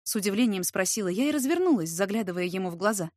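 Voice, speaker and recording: A woman narrating a first-person romance story in a steady, expressive storytelling voice. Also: medium pitch, fast, no room sound, clean studio sound.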